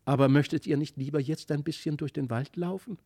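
Man reader doing a kind, coaxing fairy-tale child, slightly high, gravelly edge, dry sound. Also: fairly even intonation, a little fast, warm tone, no echo. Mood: inviting. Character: gentle magical child, kind and inviting.

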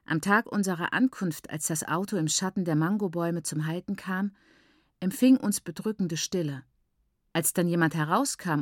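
A woman narrating a novel in a measured, even storytelling manner. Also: on the low side, no room sound, clean studio sound. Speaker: audiobook narrator. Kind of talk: scripted narration.

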